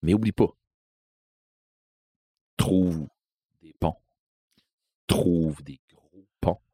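A man's voice: breathy edge, dry recording, clean studio sound, heavily acted. Man playing a gaunt devil-like stranger. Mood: ominous. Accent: Québécois. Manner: slow, low, hushed and ominous.

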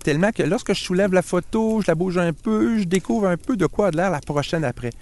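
A man's voice: sits high, animated, fairly quick, a little mellow. A man with a Québécois French accent, a tech guest on a podcast, telling a self-mocking story in casual chat. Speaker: podcast guest, tech and social media expert.

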